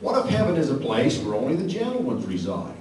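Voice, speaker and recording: A man recites cowboy poetry in a very reverberant room, picked up from a distance with faint noise behind him. He has a Western American cowboy twang and an average-pitched voice. His delivery is folksy and drawling, with dry humor aimed at a live audience. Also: huge pitch swings, fast, darkish tone. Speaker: cowboy poet. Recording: echoey hall from far off, faint noise.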